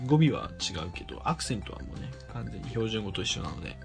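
A man's voice: on the low side, wildly swooping pitch, fast, creaky, over music. A man co-hosting a casual podcast chat, reading listener messages and laughing along. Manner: chatty, laughs along, soft asides. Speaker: podcast co-host.

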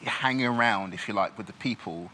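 Bright-voiced man, thoughtful and halting. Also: fairly low pitch. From born in Nigeria, grew up in this country. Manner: thoughtful, halting with many restarts and fillers. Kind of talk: reflective panel discussion.

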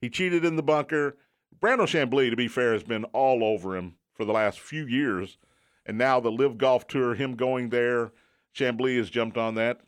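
A man's voice: medium pitch, normal speed, smooth. A man hosting sports talk radio from a studio, reading promos and chatting in an emphatic announcer style with joking asides. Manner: joking, self-deprecating. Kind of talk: sports talk radio with live sponsor reads.

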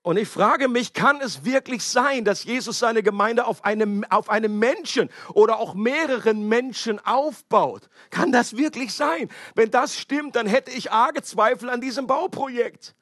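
A man's voice: very high voice, unhurried, few pauses, fairly bright tone, no room sound, studio quality. A man preaching a sermon in a conversational way, asking his listeners questions and making playful asides. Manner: conversational, asks the audience questions; playful asides with joking voices.

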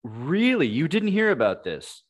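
A man co-hosting a podcast in casual chat, reading listener emails in a dry, deadpan way and tripping over words. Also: a little high, measured pace.

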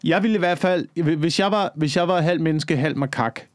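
Hesitant man, high voice. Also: no echo, studio quality. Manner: hesitant, stumbling, argumentative. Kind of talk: casual podcast chat.

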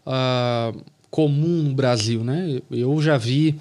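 A man discussing a serious topic in a deliberate way, pausing and restarting with fillers. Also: mid-range voice, a little mellow.

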